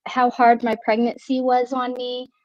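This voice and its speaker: A woman's voice: fairly high pitch, monotone, unhurried, a little mellow, dry recording. A middle-aged woman chatting casually, articulating carefully, with slightly slurred speech and whistling S sounds as with missing teeth. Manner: careful articulation while relearning to talk. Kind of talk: casual chat. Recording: dull, lo-fi online audio.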